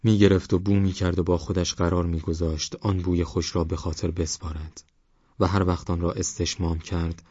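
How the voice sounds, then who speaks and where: Deep, flat-voiced male audiobook narrator. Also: slightly rough, no room sound, muffled recording. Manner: calm, even, measured reading.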